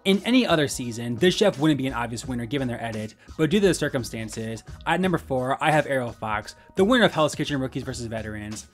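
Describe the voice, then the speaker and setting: A man's voice: mid-range voice, expressive, fast, few pauses, soft background music. A man narrating a scripted video essay as its host.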